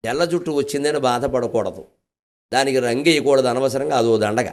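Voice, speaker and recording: A man's voice: mid-range voice, a little fast. An older man with a Telugu accent delivering a devotional discourse, telling the epic with humorous asides and acted-out quotes. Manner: animated storytelling, acting out quotes, humorous asides. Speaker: spiritual discourse speaker.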